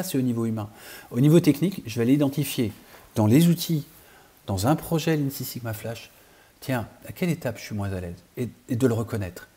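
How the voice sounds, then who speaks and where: A man's voice: mid-range voice, breathy edge. A man who works as a coach, teaching an online training lesson and explaining step by step straight to his learners. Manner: steady explanatory, speaks directly to learners.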